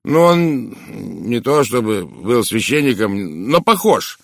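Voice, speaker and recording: Brief: a rough, defensive ex-convict, as a male reader puts him on, raised voice, lively and gravelly. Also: mid-range voice, takes it slowly, dry recording, studio quality, heavily acted. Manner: rough, plain-spoken, animated.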